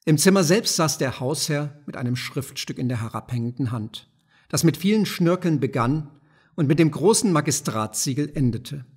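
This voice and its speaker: Husky male audiobook narrator. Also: a little high, darkish tone. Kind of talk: scripted narration of a classic novella.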